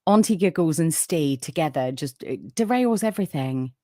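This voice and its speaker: A woman with a deep, expressive, soothing voice speaks at a normal speed while hosting a casual livestream podcast. She reads viewers' comments and chats with them warmly, using many fillers. The audio is clean studio sound with no echo.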